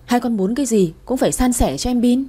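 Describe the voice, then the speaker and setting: A woman's voice: a little high, animated, brisk, dark tone, breathy edge. A woman voicing a stern young father who talks in a cold, curt, scolding way while reading a story aloud.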